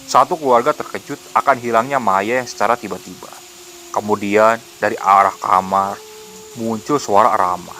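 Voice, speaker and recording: A man narrating a scripted horror story in a quiet, deliberate manner. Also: lowish voice, steady tone, a little hiss or hum.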